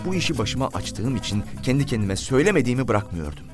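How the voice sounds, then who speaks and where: Expressive man reading an audiobook. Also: mid-range voice, fast, music in the background. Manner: expressive storytelling. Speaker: audiobook narrator. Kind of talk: scripted narration.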